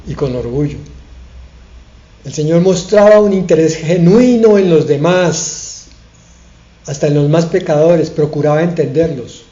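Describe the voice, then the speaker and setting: A man preaches an earnest sermon with slow, emphatic pauses. His voice sits a little high and sounds mellow. The recording is dull and rings with the echo of a room. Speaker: pastor.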